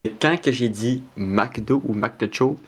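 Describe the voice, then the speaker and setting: A young man with a Québécois French accent rambles through a casual podcast chat. He corrects himself often and leans on slang. His voice is at an ordinary middle pitch. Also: takes it slowly, breathy edge. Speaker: podcast co-host.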